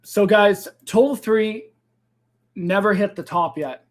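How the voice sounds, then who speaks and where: A crypto livestream host speaks slowly in a high-pitched voice as he trades live. His talk is loose and chatty, aimed directly at viewers he addresses as "guys" and "fam."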